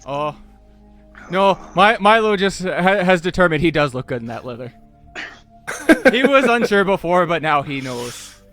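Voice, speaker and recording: High, playful player joking around. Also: male voice, expressive, unhurried, long pauses, a bit bright, faint music behind. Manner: playful, jokey, laughs often. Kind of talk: casual tabletop play chat.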